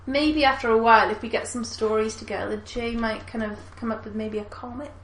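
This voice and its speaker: A woman's voice: on the high side, steady tone, brisk, a bit bright, reverberant. A woman co-hosting a podcast in casual chat, giggly and hesitant as she brainstorms ideas. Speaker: podcast co-host.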